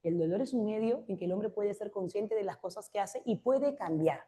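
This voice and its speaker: Woman, literature teacher, classroom lecture, explanatory, rhetorical checks, mid-pitched voice. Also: expressive, normal speed, warm tone.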